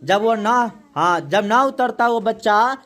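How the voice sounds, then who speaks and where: A woman teaching a class, reading a poem slowly line by line, then explaining each line and quizzing the students with quick questions she answers herself. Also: a little high, animated, a bit bright. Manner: slows down to recite verse lines.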